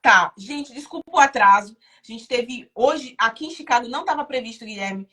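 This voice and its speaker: This live stream host, originally from Salvador in Bahia, Brazil, runs an easygoing chat from indoors in Chicago with exuberant, talkative pride. She speaks at a moderate pace in a slightly high voice that is pushed and bright.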